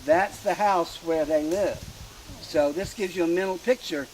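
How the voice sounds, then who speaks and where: A middle-aged man with a somewhat high voice tells family stories to relatives gathered outdoors. He speaks in a halting, informal way, stopping often with fillers and restarting his sentences. Faint outdoor noise sits behind him. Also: poor audio. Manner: hesitant, halting delivery with many fillers and restarts. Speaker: family historian speaking at a family reunion. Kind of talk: informal storytelling speech to a gathered group. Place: outdoors at a rural graveside.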